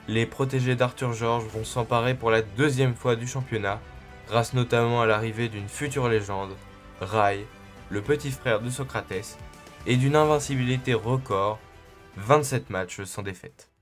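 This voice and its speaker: A man reading scripted documentary narration as the narrator of a sports history. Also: medium pitch. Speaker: narrator of a football club history. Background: music.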